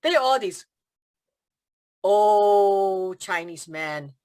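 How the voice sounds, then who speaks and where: She's a feng shui consultant from Hong Kong, guesting on a relaxed video-call interview and laughing frequently as she acts out quoted voices in her stories. Her voice is mid-range and her pace extremely slow.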